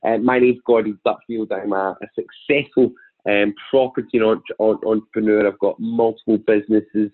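A man's voice: on the low side, little pitch movement, normal speed. A thirty-year-old man with a broad Scottish accent from Glasgow, talking conversationally as a podcast guest. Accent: broad Glaswegian Scottish. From Glasgow, Scotland. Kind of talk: conversational interview, telling own story. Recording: thin, phone-like remote call audio.

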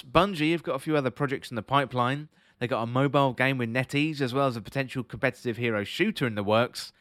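A man's voice: medium pitch, a bit bright, no echo. Man hosting a podcast, very dry sound. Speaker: host of a video game podcast. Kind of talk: scripted commentary and news reading.

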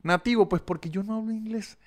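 A man's voice: high-pitched, a little fast. Chatty Venezuelan Andean man hosting a podcast. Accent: Venezuelan Andean, from San Cristóbal. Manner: chatty, jokey, self-mocking, addresses listeners as "muchachos". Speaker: podcast host. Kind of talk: solo podcast monologue with read sponsor ads.

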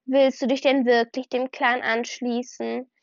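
A woman's voice: a little high, little pitch movement, unhurried, gravelly, dry recording, lo-fi sound. A woman voicing a stern, proud young female warrior cat who talks in a commanding, challenging way. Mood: solemn.

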